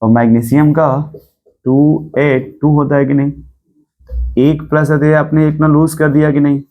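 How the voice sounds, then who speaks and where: A male chemistry teacher lectures a class, his voice sitting a little high for a man. He keeps quizzing the room with quick rhetorical questions and drops English terms into his explanation. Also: level tone, dull audio.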